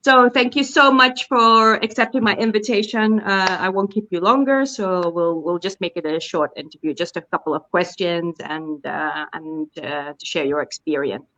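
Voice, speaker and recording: A woman's voice: on the low side, moderate pace, few pauses, fairly bright tone, dull audio. A woman from the Netherlands, hosting a casual live interview over a video call and exclaiming often. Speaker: host of a live stream.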